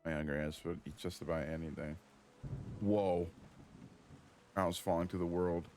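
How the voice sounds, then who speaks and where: A man streaming a video game, talking casually in a profane, excitable, exasperated way. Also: low-pitched, moderate pace, soft background music. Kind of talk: casual gaming commentary.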